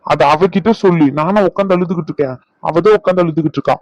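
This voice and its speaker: A man voicing a hot-tempered young husband who is protective of his family, blunt and quick to anger. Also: sits high, a little mellow, no room sound, highs cut off, close to an everyday voice. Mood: sulky. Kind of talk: cartoon voice acting.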